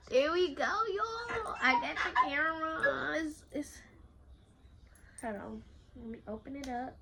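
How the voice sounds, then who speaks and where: A young woman unboxing gear in a casual vlog, excitable and chatty, talking straight to her viewers. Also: high voice, slow pace, vocal fry, long pauses, background noise. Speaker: beginner content creator.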